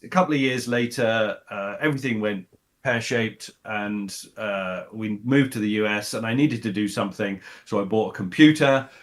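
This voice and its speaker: A middle-aged man with a lowish voice talks casually in an interview. He rambles, fills gaps with "uh" and restarts his sentences. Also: normal speed. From Scotland. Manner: rambling, many fillers and restarts. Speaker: voice actor guest.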